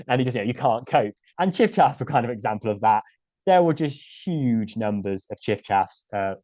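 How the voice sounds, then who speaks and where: A man's voice: mid-range voice, warm tone, no echo. A man giving a casual illustrated talk as a guest speaker, with many fillers, "um"s and restarts.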